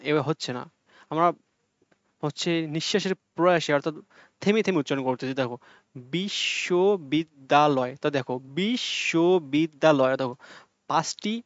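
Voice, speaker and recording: A man's voice: on the high side, quick pace, pauses often, dry recording. A young man teaching an exam-prep lesson, explaining step by step and repeating key points to check that students follow. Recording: dull lo-fi audio.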